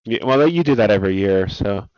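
A man's voice: lowish voice, expressive, a little fast, no room sound, dull audio. A man co-hosting a podcast in casual chat, making wry, teasing short remarks. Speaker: podcast co-host.

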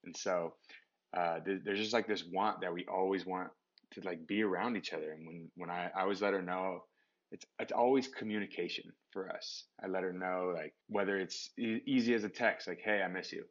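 A man with a very deep, low voice talks through his thoughts in a relaxed interview, stopping and restarting often and filling gaps with fillers. The sound is a bit dull and lo-fi. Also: moderate pace. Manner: rambling, many restarts and fillers. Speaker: podcast guest. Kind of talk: casual interview chat.

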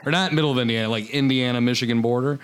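Laid-back deadpan man, comedian guest. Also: medium pitch, racing, clean tone. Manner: laid-back rambling storyteller, deadpan jokes. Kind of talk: casual comedic podcast chat.

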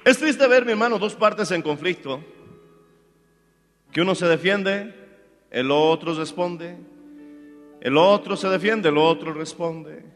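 A man, swinging between loud fervent praise and soft, hushed asides. His sermon rings with a long church-hall reverb, and soft music plays beneath it. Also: high voice, slow pace, long pauses. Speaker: pastor.

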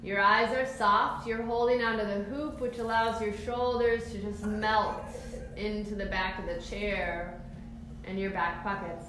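A woman instructor leading a calm guided grounding exercise, giving soothing, encouraging step-by-step cues for relaxing the body. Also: medium pitch, measured pace. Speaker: movement and mindfulness instructor. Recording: very echoey room, faint background noise.

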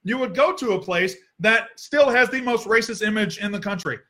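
A man's voice: high voice, moderate pace, pushed and bright. A man hosting a sports podcast, ranting in a heated, sarcastic way and swearing freely. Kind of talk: opinionated sports rant.

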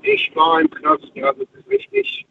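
A man's voice: very high-pitched, steady tone, a little slow, creaky. A man calling in from the hands-free speakerphone in his truck cab, talking casually and hesitantly with many fillers over a dropping phone line. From Heidelberg area, Germany. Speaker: caller. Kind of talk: casual call-in chat. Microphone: hands-free car kit. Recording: tinny, dropping phone line with faint noise.

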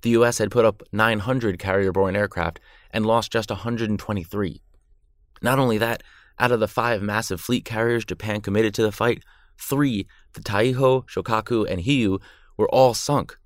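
A man's voice: lowish voice, fairly even intonation, moderate pace, no room sound, studio quality. A man narrating war history from a script, dramatic with an irreverent edge. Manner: dramatic yet irreverent storytelling.

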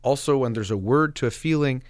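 Speaking fairly quickly in a mid-range voice, a radio host thinks aloud by himself, explaining things in a slightly hesitant way. His mouth is near the microphone and there's no echo.

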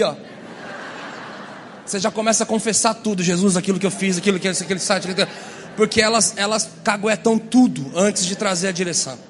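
A Brazilian man preaching a lively, humorous sermon, acting out the voices in his stories. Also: high voice, long reverb tail, slight background noise. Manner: animated, acts out quoted voices. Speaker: pastor. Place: church hall.

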